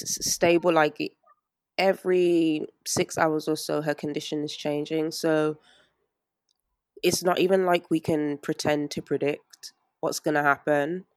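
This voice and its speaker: A woman, an interview guest talking anxiously in a halting way with many fillers and restarts. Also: low-pitched, dry recording, clean studio sound. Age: 20s. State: anxious and strained. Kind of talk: emotional interview.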